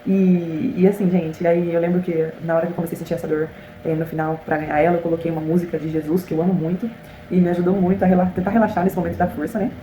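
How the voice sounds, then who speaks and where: A young woman with a Brazilian Portuguese accent tells her story to viewers at a brisk, chatty pace, breaking off for frequent asides. Her voice sits fairly low and mellow. The recording has a roomy echo and a faint background hiss. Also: flat delivery. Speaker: vlogger. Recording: echoey room with faint hiss.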